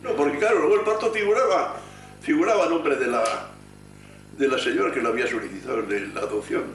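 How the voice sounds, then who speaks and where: A man's voice: a little high, fast, echoey room, a little hiss or hum. Older man, rambling on a distant hidden recording. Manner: rambling, hesitant, self-correcting. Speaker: retired gynecologist. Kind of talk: secretly recorded conversation.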